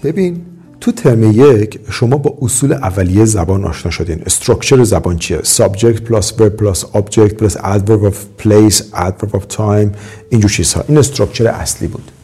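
A man's voice: on the low side, warm tone, breathy edge, soft background music. A man teaching an English course, lecturing emphatically and slipping English phrases into his talk.

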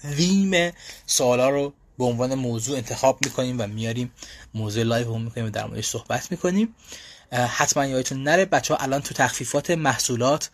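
This man, a language school host in Europe, fields viewer questions during an informal live stream for language learners, speaking loosely with frequent fillers and restarts. His voice is mid-range, and there's slight background noise.

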